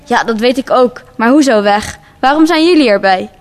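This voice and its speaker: A woman's voice: on the high side, expressive, moderate pace, close to an everyday voice. Woman doing a worried, stubborn teen girl. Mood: urgent. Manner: urgent, insistent.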